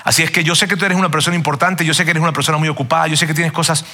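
A man's voice: a little high, steady tone, rapid-fire, pushed and bright. A man preaching a sermon earnestly and emphatically, often calling his listeners friends.

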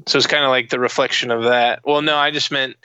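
A man co-hosting a casual comics podcast, speaking in relaxed, agreeable remarks. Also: mid-range voice, fast, highs cut off, a crowd in the background. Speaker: podcast co-host.

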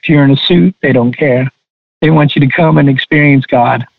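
Male guest, gravelly voice, halting delivery, tinny dry phone line. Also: mid-range voice, no room sound. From Texas. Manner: halting, many restarts. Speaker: guest chef. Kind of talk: casual interview talk.

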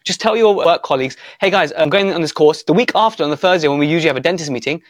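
A man's voice: on the high side, rapid-fire, no room sound, studio quality. A man hosting a podcast in a chatty, informal way, speaking directly to his listeners with enthusiasm. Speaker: podcast host.

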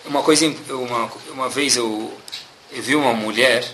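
A man, giving a sermon as a religious teacher and telling stories in a lively, animated way, often checking in with his listeners. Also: mid-range voice, normal speed, slight background noise. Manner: keeps asking "tá bom?" as a check-in. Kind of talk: sermon with storytelling. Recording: echoey room.

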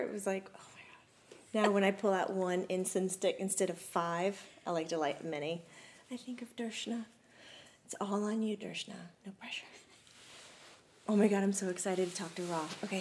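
An excitable woman hosting a live-streamed talk show, her voice in the middle of the female range. She talks in a bubbly, chatty way, running through welcomes and announcements. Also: mid-range voice. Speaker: host. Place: studio room.

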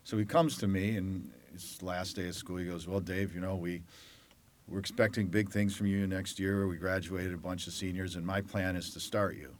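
A former lacrosse player from Detroit, Michigan, appears as an interview guest and tells stories from his playing days. He has a fairly low voice and a moderate pace, and he animatedly acts out the coach, the crowd and the rival in conversational storytelling.

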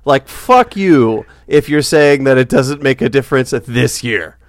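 A man co-hosting a podcast in casual chat, with a measured delivery and dry, deadpan jokes. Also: mid-range voice, no echo. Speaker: podcast co-host.

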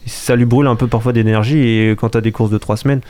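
A man speaks quickly in a warm, dark voice during a casual sports chat on student radio. He jumps in eagerly to finish the others' sentences. He talks in long, flowing stretches. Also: mid-range voice, fairly even intonation. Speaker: radio co-host. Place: radio studio.

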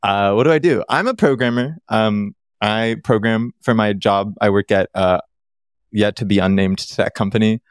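A man's voice: on the low side, moderate pace, clean tone, no echo, clean studio sound. A man from Canada chatting as a podcast guest, rambling and joking at his own expense. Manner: rambling, self-deprecating, jokey. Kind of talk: casual chat.

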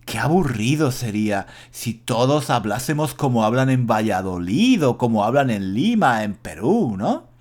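A Spanish teacher in his fifties, from Granada, talks slowly and clearly for learners. His voice rises and falls a great deal as he goes. He pauses to name grammar points aloud. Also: medium pitch, sing-song, darkish tone. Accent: standard Spanish, faint Andalusian trace. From Granada, Spain. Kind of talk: slow monologue for learners.

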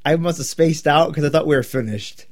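A man's voice: on the high side, a little fast. A man co-hosting a movie podcast, bantering casually, joking, laughing easily and arguing small points. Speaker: podcast co-host. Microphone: headphones at a podcast mic.

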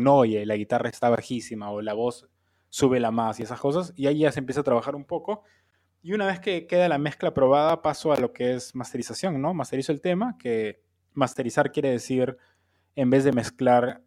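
A man with a middling pitch explains studio mixing and mastering in a patient, step-by-step way. He fills his pauses often and checks in with short tag questions as he goes. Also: darkish tone. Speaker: mixing engineer. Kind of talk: explanatory talk.

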